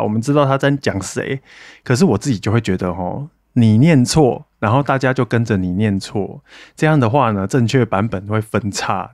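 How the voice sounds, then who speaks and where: Man, podcast host, casual solo chat, self-mocking, chatty, mid-pitched voice, dry recording. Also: a little mellow, dry recording. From Taiwan. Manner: chatty and self-mocking, reads donor messages aloud.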